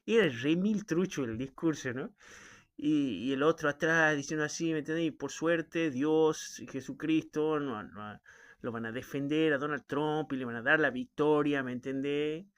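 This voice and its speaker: A man's voice: fairly high pitch, moderate pace. A man with a Rioplatense Argentine accent, talking in a loose, rambling, sardonic monologue and tagging his sentences with questions to the listener. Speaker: show host.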